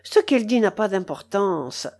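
A woman's voice: mid-range voice, expressive, moderate pace, darkish tone. A woman voicing a timid, kindly middle-aged man who anxiously pleads with his nephew and his mother. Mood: anxious pleading.

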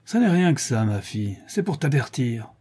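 A brutal male bandit fresh from the prison hulks, spitting slangy threats in a raised, husky voice. A man acts him out in a storybook reading. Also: medium pitch, sing-song, normal speed, warm tone. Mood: menacing.

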